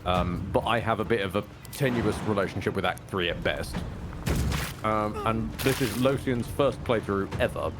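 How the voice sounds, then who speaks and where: A man's voice: on the low side, moderate pace. A man giving casual gameplay commentary as a streamer. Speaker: video game streamer. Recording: game music clearly behind voice. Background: game music.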